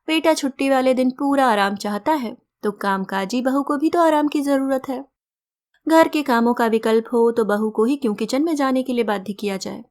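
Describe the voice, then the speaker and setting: A woman storyteller reading a first-person story aloud in a gentle, reflective, measured way. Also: sits high.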